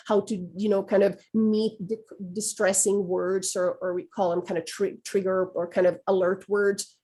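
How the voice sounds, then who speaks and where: Speaking on a webinar video call about trauma-informed practice, a native Swedish speaker weighs her words carefully and frequently starts over while looking for the right phrasing. She has a medium-pitched, darkish voice.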